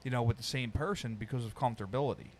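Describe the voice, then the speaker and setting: A man's voice: mid-range voice, rapid-fire, slight background noise. A man chatting casually and swearing freely, with a slight whistle on his s sounds. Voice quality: whistles on s sounds when talking. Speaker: podcast participant. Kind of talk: casual conversational podcast chat.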